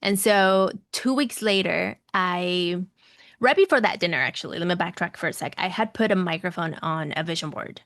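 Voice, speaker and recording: A woman from Mexico City, Mexico, with a Mexican, Latin American accent, tells her personal story conversationally as a podcast guest in an interview, repeating phrases for emphasis. Her voice is fairly low in pitch, a bit bright, and at normal speed. The sound is clean studio quality with no room sound.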